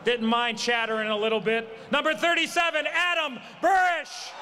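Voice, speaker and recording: High-pitched, booming male rally announcer. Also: fairly quick. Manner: booming, builds up to each name. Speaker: master of ceremonies at a championship rally. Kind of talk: rally announcing, drawn-out player introductions. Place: outdoor championship rally. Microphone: public address microphone. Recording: loud outdoor PA with crowd noise. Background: cheering crowd.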